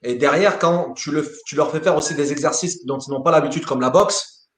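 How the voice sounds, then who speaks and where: A man, a sports coach, answering interview questions in a lively way, often repeating words as he thinks. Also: a little high, a little fast, a little hiss or hum. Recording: roomy echo.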